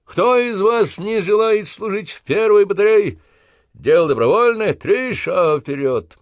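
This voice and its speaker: A man's voice: on the high side, sing-song, a little slow, dry recording, clean studio sound, voice pushed up, full character voice. A man voicing a harsh, scornful army drill sergeant who barks crude commands at recruits. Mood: stern, threatening. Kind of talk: audiobook character voice.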